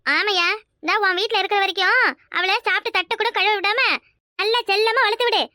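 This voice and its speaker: A woman's voice: very high voice, fairly even intonation, a little fast, sharp tone, no echo, studio quality. A woman voicing a scolding, complaining older sister and housewife in a cartoon, with a Kanyakumari Tamil accent.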